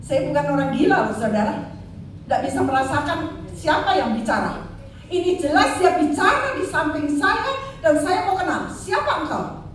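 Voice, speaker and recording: A woman's voice: high voice, lively intonation, moderate pace, slight background noise. Older woman preaching in echoey hall. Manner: emphatic, calls audience "saudara". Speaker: evangelist. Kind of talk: sermon with personal testimony. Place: church hall. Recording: echoey hall from far off, faint ambience.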